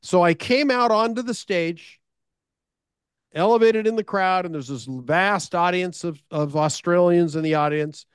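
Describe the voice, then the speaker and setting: American man, middle-aged, podcast storytelling, slightly high voice, dry close sound, restarts phrases. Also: unhurried, smooth, dry recording. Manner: anecdotal, repeats and restarts phrases. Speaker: business speaker sharing advice with listeners.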